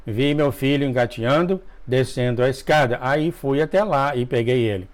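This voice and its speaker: A man reading a dream testimony aloud to viewers, emotional, with asides, often coughing and clearing his throat. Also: medium pitch, normal speed. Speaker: religious video narrator.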